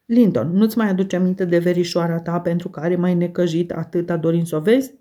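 A woman's voice: on the low side, steady tone, mellow, close to an everyday voice. A woman reading aloud voices Heathcliff, a cold, sardonic middle-aged man who speaks with contempt. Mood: sly, probing.

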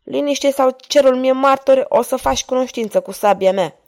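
A woman voicing a proud, brash young French knight who talks loudly and boldly. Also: medium pitch, natural voice. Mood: fierce. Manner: loud and bold.

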